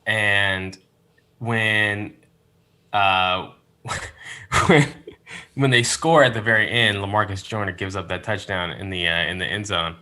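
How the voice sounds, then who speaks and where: Male podcast guest, fairly low bright voice, rambles through his stories with lots of fillers. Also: slow, pauses often. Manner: rambling storyteller with many fillers, rueful. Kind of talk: casual chat.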